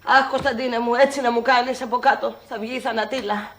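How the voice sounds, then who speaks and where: A woman's voice: on the high side, steady tone, fairly bright tone, close to an everyday voice. A woman playing a brash melodramatic lady. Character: theatrical woman faking illness, sharp-tongued.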